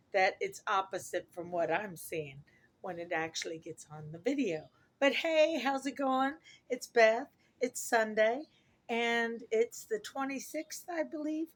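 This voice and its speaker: A middle-aged woman with a hoarse voice from talking a lot, chatting casually and ramblingly to her viewers as she corrects herself. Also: fairly high pitch. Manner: rambling, self-correcting, chuckles at own remarks. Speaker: vlogger. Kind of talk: casual chat to camera.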